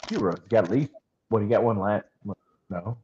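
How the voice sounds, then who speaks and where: Low-voiced man trading opinionated banter. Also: lively intonation, muffled recording, background noise. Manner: opinionated, quick banter about players. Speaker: co-host. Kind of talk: casual live stream chat.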